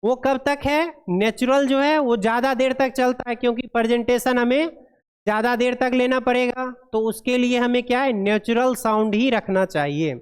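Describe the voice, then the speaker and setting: A woman teaching pharmacy students in a classroom, speaking in a smooth, fairly high voice. She reads each point slowly and then explains it, checking often that the class follows. Her voice rings with a long reverb off the room. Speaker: pharmacy lecturer. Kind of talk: classroom lecture.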